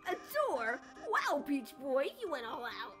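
A woman voicing an excitable, mischievous little boy in a fantasy video game, playful and exclamatory. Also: high-pitched, unhurried, music in the background, pitched above the performer's own voice. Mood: eager.

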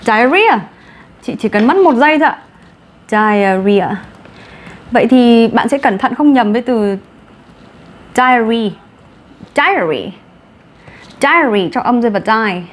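A woman with a Vietnamese accent teaching English vocabulary in an online class, brisk and encouraging, mixing Vietnamese and English. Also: fairly high pitch, lively intonation.

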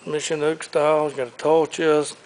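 Walking a large warehouse showroom with a handheld camera, he briskly names one furniture piece or collectible after another ahead of an auction, keeping the patter upbeat. The voice is a little high, smooth and slightly mellow, with a flat delivery, and the recording quality is low.

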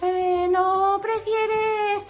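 A woman's voice: very high-pitched, level tone, extremely slow, heavily acted. A woman voicing a bashful young male pup who stammers nervously in a toy play video. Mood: flustered. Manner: stammering, hesitant.

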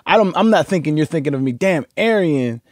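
A man in his thirties hosting a casual talk, speaking in a laid-back, reflective way that trails off into low mumbles. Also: lively intonation, a little fast, dry recording, studio quality. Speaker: podcast host. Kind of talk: casual conversation.

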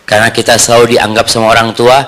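A middle-aged man giving an Islamic sermon in a lively manner, throwing questions to the congregation. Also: medium pitch, fast, slight background noise. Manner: lively, asks the audience questions. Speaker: preacher.

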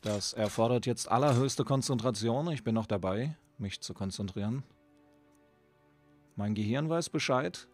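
A man giving casual gameplay commentary as a let's play host, talking excitedly to the enemies on screen. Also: mid-range voice, normal speed, soft background music.

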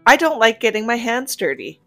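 A woman's voice: a little high, sing-song, a little fast. A woman, narrating a cook-with-me homemaking vlog in a cheerful, chatty way and talking straight to viewers. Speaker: homemaking vlogger. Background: soft guitar music.

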